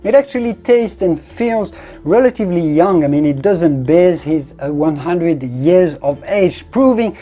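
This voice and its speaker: A wine connoisseur presents a tasting in presenter-style review commentary, effusive and descriptive and leaning on emphatic superlatives. The voice is mid-range, expressive and mellow, a little slow, with faint music behind.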